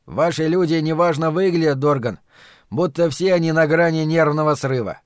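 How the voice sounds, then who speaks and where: A man's voice: on the high side, moderate pace, clear, resonant tone, no room sound, natural voice. A man voicing a wary, dry-witted man.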